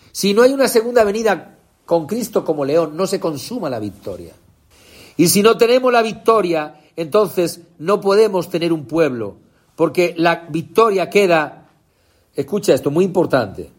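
Preaching with passion, a man questions his congregation, his voice alternating between loud shouts and quiet, low lines, with a breathy edge to it.

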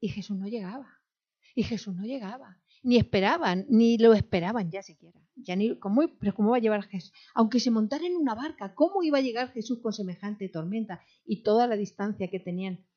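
A woman's voice: medium pitch, fairly quick. A woman preaching a sermon in a dramatic way, acting out scenes and dropping to whispers before rising to cries. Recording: dull lo-fi recording.

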